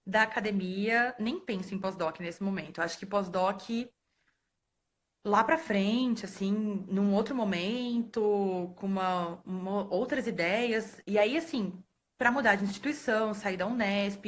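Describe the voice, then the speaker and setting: A Brazilian woman in her thirties, a librarian appearing as a guest speaker, tells stories casually during a live talk, her medium-pitched voice moving a little slowly. She's animated, laughs often, and acts out the voices of the people she quotes. The sound comes from a phone or webcam on a live stream.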